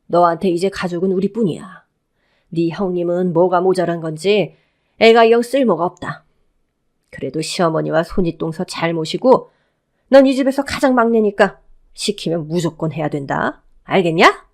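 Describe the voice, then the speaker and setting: A woman's voice: fairly low pitch, normal speed, natural voice. A woman playing a harsh, bossy old mother-in-law. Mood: domineering. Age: older. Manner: scolding, barking orders. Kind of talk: Korean radio drama acting.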